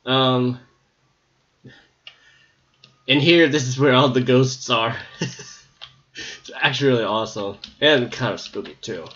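A man's voice: medium pitch, unhurried, long pauses, a bit bright, lo-fi sound. A man giving casual, rambling gameplay commentary with a slightly scratchy voice, hesitating often with ums. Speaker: gameplay video maker.

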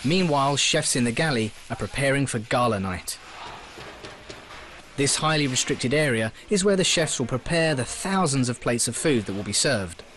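A man giving scripted documentary narration in a measured, expressive way. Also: medium pitch, a little hiss or hum.

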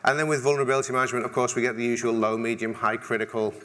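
This English keynote speaker, middle-aged, talks very fast at medium pitch with a level, fairly bright tone. Addressing a large conference stage, he stays conversational, slips in dry humor, and restarts often.

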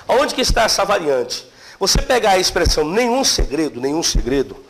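A middle-aged man teaching theology in a seminary classroom, lively and questioning his students. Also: high voice, a little fast, creaky, a little hiss or hum. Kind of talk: classroom lecture.

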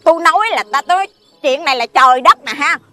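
A woman's voice: high-pitched, quick pace, sharp tone. An actress playing a chatty, insistent village woman who sells sticky rice cakes, in a TV folk-tale drama. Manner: gossipy, exclamatory, insistent. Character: chatty busybody village cake seller woman.

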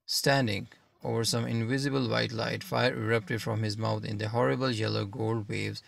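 A man narrating an audiobook in a steady, measured reading. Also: lowish voice, creaky.

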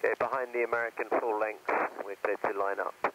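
A man's voice: fairly low pitch, flat delivery, fast talker. A man, an airline pilot, reading back tower instructions in clipped procedural phrases over his cockpit headset radio. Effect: pilot speaking over cockpit headset radio. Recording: noisy aviation radio feed.

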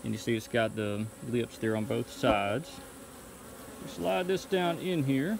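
A man's voice: medium pitch, a little slow, vocal fry, noisy background. Man explaining beekeeping outdoors, bees buzzing. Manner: relaxed, explaining step by step. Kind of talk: casual how-to vlog. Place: outdoor bee yard. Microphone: phone camera held while working. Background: insects buzzing outdoors.

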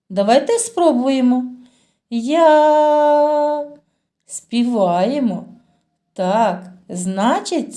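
Slow, lilting woman teaching young children. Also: sits high, warm tone. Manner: slow, patient, sing-song questioning of children. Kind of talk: children's phonics lesson.

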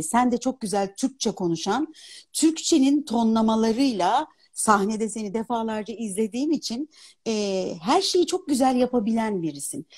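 An animated, husky-voiced woman in her fifties, speaking with a mellow, fairly high voice that swoops widely as she talks. She is a guest in a live chat streamed from a phone, and her delivery is articulate and expressive, broken by easy laughter. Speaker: guest, opera singer and dubbing artist. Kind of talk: casual live interview chat. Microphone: phone on a live video stream.

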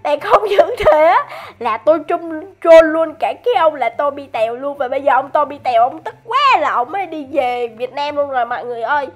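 A woman giving excited game commentary, teasing and chatty, laughing often and talking straight to her viewers. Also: sits high, brisk. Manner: addresses viewers directly. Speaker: gaming YouTuber.

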